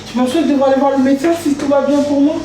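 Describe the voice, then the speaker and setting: Playful high-pitched woman, casual livestream host cooking at home; very echoey room with background noise. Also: fairly even intonation, racing, dark tone. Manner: playful, sings and chants to herself. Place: home kitchen.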